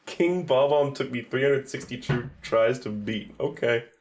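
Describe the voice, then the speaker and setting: A man's voice: mid-range voice, measured pace, darkish tone, faint music behind. A man giving casual, rambling game reviews on a stream, swearing freely and correcting himself as he goes.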